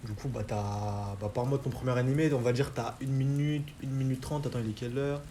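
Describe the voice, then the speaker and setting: A man's voice: mid-range voice, fast talker, a little hiss or hum. A young man hosting a casual chat about anime, talking loosely in slang with lots of fillers. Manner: relaxed slangy talk with many fillers. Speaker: host.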